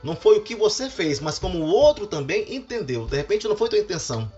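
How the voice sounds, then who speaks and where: A man's voice: sits high, fast talker. A middle-aged Brazilian pastor, a man, giving a devotional talk on family and acting out quoted lines. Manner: animated, acts out quoted lines. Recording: dull lo-fi with faint music.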